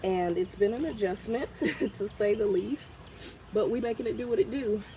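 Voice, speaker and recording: A woman with a congested, mellow, mid-range voice talks at a normal pace while she plants her garden outdoors. She's vlogging casually, chatty and thinking aloud as she works. Birds and outdoor ambience fill the background, along with slight noise.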